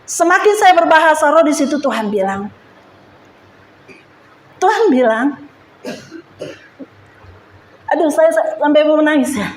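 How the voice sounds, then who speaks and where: A woman's voice: sits high, lively intonation, a little slow, long pauses, echoey room, a little hiss or hum. A woman giving an emotional church testimony, speaking fervently and addressing the congregation directly.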